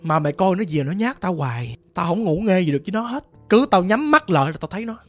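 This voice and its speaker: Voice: mid-range voice, very animated, quick pace, a bit bright. A storyteller voicing a cruel but frightened rich old mother, who talks bluntly and coarsely in a Southern Vietnamese accent, over faint music. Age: older.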